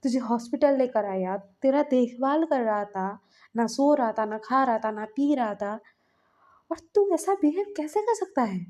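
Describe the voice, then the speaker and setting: A woman's voice: high voice, animated, measured pace, a little mellow. A woman reading a stern old grandfather. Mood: scolding. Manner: scolding, pleading.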